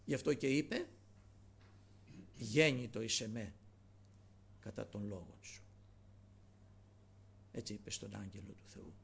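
A man preaching a sermon, swinging between loud emphatic peaks and low murmured asides, repeatedly addressing the congregation as brothers. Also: lively intonation, gravelly, pauses often.

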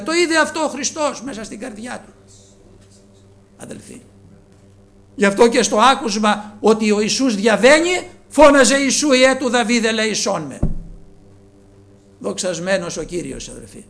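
High-voiced man preaching a sermon. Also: expressive, vocal fry, pauses often. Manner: earnest, addresses listeners as brothers, swings between soft and raised.

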